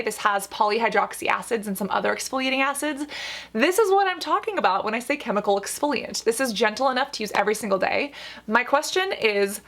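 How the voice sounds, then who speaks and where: Chatty woman host doing reaction commentary, kinda high voice w lots of vocal fry, emphatic and opinionated, playful. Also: a bit bright. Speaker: esthetician reviewing skincare as host.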